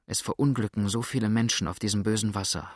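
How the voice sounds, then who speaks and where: A man voicing an anxious young widow, soft and hushed. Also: lowish voice, fairly even intonation, quick pace, no room sound, clean studio sound, natural voice. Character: frightened grieving young widowed woman.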